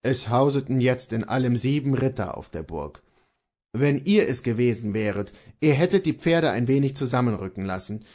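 A man reads a storybook passage in which an aggrieved male stable servant tells his master what happened. He stays close to his own plain, low-key voice but gives it a lively rise and fall, speaking at normal speed.

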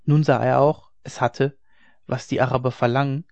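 A man narrates classic prose in a measured, even storytelling manner. His voice sits at a middle pitch. The recording is dry and a little dull. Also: no room sound. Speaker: audiobook narrator.

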